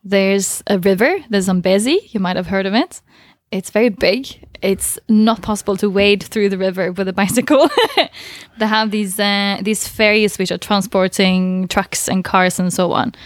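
Speaking at a normal speed in a mid-range voice with no echo, the woman is being interviewed about her life as a long-distance cyclist. She pauses to think, hesitates, and fills gaps with fillers and laughter.

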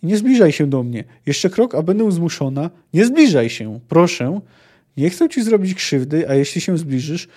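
A man reading the lines of a secretive, persuasive sorceress from a fantasy novel in an even, measured way. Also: on the high side. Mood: urgent. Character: cold, secretive sorceress woman, firm and persuasive.

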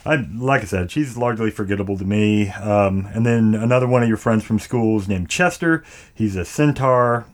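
On the low side and at a moderate pace, a podcast host chats casually about video games, cursing freely. His speech is slightly impeded from dental work.

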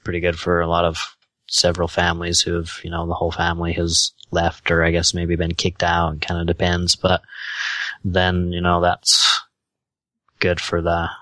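A man with a Utah accent giving casual, halting, tentative answers as an interview guest. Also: low-pitched, monotone, sharp tone, no echo.

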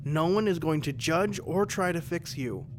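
A woman's voice: on the low side, lively intonation, normal speed, lightly acted. Woman playing a sarcastic fed-up adventurer, bouncy voice, bit of hiss. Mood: exasperated. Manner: sarcastic, exasperated. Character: exasperated sarcastic adventurer with a spear. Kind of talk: comedic audio drama acting.

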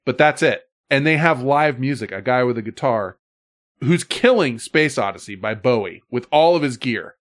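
A man's voice: medium pitch, fairly bright tone. A middle-aged man with a mid-range voice hosts a casual conversation. He rambles along loosely and swears freely as he goes. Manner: rambling, profane. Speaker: podcast host. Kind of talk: casual chat.

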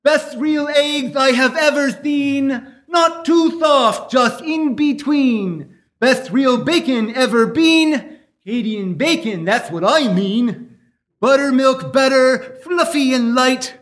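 Very high-pitched goofy Bullwinkle moose. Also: male voice, slow pace, a bit bright, full character voice. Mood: crooning recital. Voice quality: goofy cartoon voice. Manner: grandiose, oblivious poetry reciter. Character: dopey, cheerful male cartoon moose reciting poetry. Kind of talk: old-time radio variety sketch.

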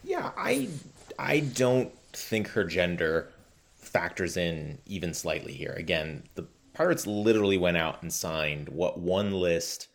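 A man co-hosting a casual sports podcast, relaxed and hedging, with frequent fillers. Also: low voice.

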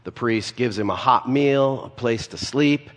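Pastor preaching in a reverberant hall. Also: male voice, medium pitch, measured pace. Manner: conversational, storytelling with asides. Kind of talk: sermon.

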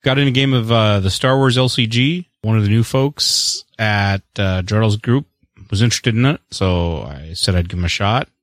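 Speaking at normal speed in a fairly low pitch, a podcast co-host wanders through talk of movies and books, wry and self-mocking. The recording is dry and studio-clean.

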